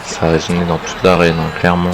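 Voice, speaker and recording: Low, even-voiced male wrestling commentator. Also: fast, background noise.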